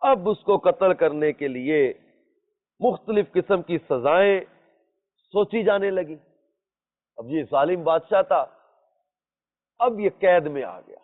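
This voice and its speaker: In a muffled lo-fi recording from a reverberant hall, a male religious teacher with a high voice relates moral stories to his listeners. He is emphatic, often repeats phrases, and asks rhetorical questions.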